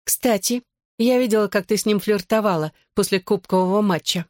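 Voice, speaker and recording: A cheeky teenage girl from a storybook, teasing her best friend with a coaxing, playful lilt, as a woman reader puts her on. The voice sits a touch above the reader's own low tone. It is close and dry, with no room sound. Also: fairly quick, darkish tone, no echo, lightly acted.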